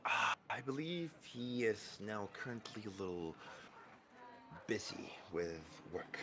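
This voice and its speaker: A man voicing a polite, weary woman who works as a receptionist at an adventurers guild, speaking softly and formally. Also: on the low side, very animated, slow, noisy background.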